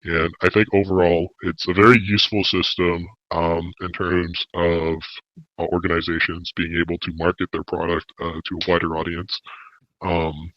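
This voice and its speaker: A man speaking through a deep pitch-shifting voice changer, a lead developer giving a steady podcast update with many filler uhs. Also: moderate pace, no echo, lo-fi sound.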